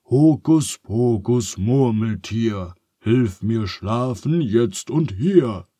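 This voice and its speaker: A man's voice: on the low side, animated, takes it slowly, darkish tone, breathy edge, no echo, clean studio sound, exaggerated voice. A man voicing Phineas, a sleepless young boy wizard with a whiny, fretful manner. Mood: chanting.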